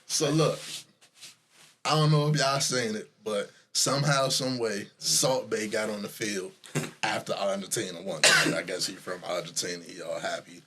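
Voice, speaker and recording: A man's voice: on the low side, moderate pace, a little hiss or hum. A young man co-hosting a podcast in casual chat, telling stories bluntly with plenty of slang. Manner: relaxed storytelling, slangy, blunt. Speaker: podcast co-host.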